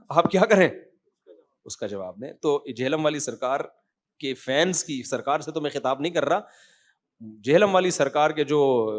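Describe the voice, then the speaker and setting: A man lecturing as an Islamic scholar, in a somewhat high voice. He speaks emphatically but conversationally, pressing his points with rhetorical questions to his listeners, and moves on to answering their questions. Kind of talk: religious lecture with audience questions.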